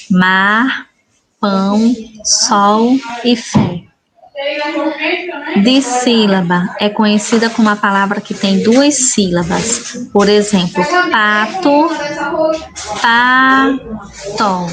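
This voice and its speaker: Slow, patient Brazilian woman teacher. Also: medium pitch, low-quality recording. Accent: Brazilian Portuguese. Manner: slow, patient, spells out syllables, asks "certo?". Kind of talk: recorded summary lesson for schoolchildren.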